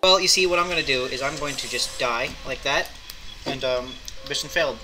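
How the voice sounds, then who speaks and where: A man's voice: medium pitch, a little fast, slight background noise. A young man chatting casually while playing a co-op video game with a friend, jokey and prone to yelping when startled. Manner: goofy, jokey, yelps and shouts when startled. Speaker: gamer. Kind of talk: casual co-op gameplay chat. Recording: game music behind the voice. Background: game music.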